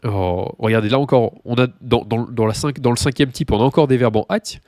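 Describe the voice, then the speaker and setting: A man gives an informal language lesson in a voice of ordinary pitch. He explains patiently, often pausing, restarting and repeating key points. The recording is dry and close, with no room sound. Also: darkish tone, no echo. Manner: informal and repetitive, with many hesitations. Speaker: language teacher.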